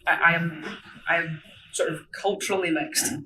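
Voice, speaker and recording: A young woman with a Glaswegian accent, speaking thoughtfully with many pauses and restarts as a mentorship volunteer. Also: lowish voice, steady tone, bright, forceful tone, a little hiss or hum, rough recording. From Glasgow, Scotland. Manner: reflective, hesitant with many ums and restarts. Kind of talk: casual interview answers.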